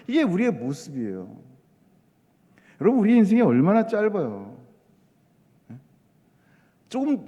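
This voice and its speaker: Animated middle-aged preacher in a reverberant church. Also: male voice, sits high. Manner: animated, asks the congregation questions. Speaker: missionary preacher. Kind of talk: sermon. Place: church sanctuary. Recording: long hall reverb.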